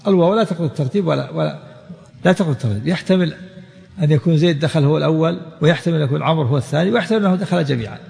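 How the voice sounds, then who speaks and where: Man, religious lesson teacher: rapid, gravelly delivery, repeats quotes and examples, echoing hall. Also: fairly high pitch, a little mellow. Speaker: Islamic scholar teaching a text. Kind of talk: religious lesson explaining a book.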